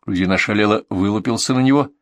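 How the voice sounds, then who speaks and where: A man narrating an adventure audiobook in an expressive, storytelling manner. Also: lowish voice, fast, no room sound, studio quality. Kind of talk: scripted narration.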